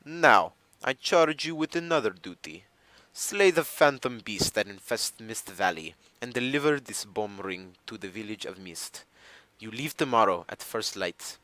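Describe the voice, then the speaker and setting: A man's voice: fairly low pitch, expressive, unhurried, bright, forceful tone, no room sound, rough recording. A man doing a stern, imperious king. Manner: imperious, curt orders. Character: stern commanding male king.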